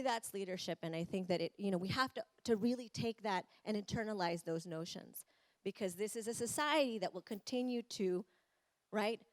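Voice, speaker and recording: A woman speaking earnestly on a conference panel, reflective and building her points step by step. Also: mid-range voice.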